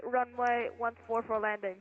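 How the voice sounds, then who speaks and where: A pilot on a cockpit headset radio, reading back clearances and making emergency calls in clipped, procedural phrasing with occasional hesitant fillers. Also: mid-range voice, little pitch movement, moderate pace. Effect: pilot talking over a cockpit headset radio. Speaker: pilot on a flight simulation network. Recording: tinny radio line with faint music behind.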